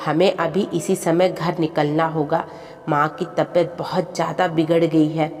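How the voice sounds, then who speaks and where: Lady reading stern young husband, calm and firm, low voice, echoey with music. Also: unhurried. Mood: urgent. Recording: long reverb with background music.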